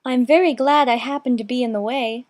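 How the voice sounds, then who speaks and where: A man's voice: very high-pitched, fairly even intonation, a little fast, pitched above the performer's own voice. A man voicing a polite, earnest little storybook girl, light and girlish, with a prim, sensible, well-mannered way of speaking. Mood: polite, timid.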